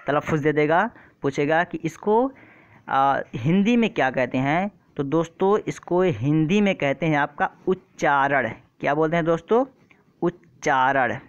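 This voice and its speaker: A man's voice: on the high side, lo-fi sound. Man teaching vocabulary, quizzing his viewers. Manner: repeats words and quizzes the viewer. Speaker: exam prep teacher. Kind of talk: online vocabulary lesson.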